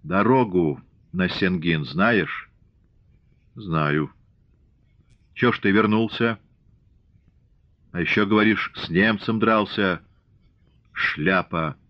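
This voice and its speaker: A man's voice: lowish voice, slow pace, pauses often, highs cut off. A man reading a stern commissar, curt and commanding. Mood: scornful. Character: stern middle-aged male revolutionary commissar.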